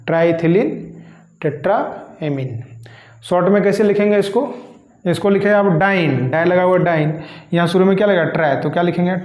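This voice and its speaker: A man teaching chemistry, asking questions and answering them slowly himself. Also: on the high side, a little mellow. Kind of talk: classroom lecture. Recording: echoey room.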